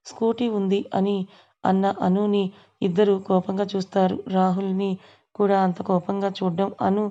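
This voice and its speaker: A woman narrating a serialized story aloud, reading the characters' dialogue in a steady, even way. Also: mid-range voice, lo-fi sound.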